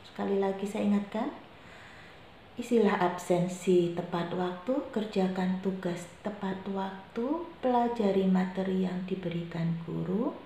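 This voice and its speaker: Her voice gravelly and mellow at a medium pitch, an Indonesian woman briefs her homeroom class firmly and goes over her reminders again. Faint noise sits under a very echoey room sound.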